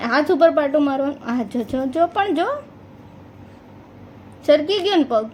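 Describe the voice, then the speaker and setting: A woman's voice: high voice, lively intonation, a little slow, a little mellow, slight background noise, rough recording. A woman with a Gujarati accent filming her baby on a handheld phone at home, cooing and teasing in sing-song baby talk.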